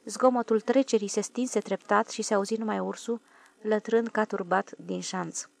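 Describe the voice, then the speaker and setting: A woman narrating an audiobook in a steady, measured storytelling manner. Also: mid-range voice, creaky.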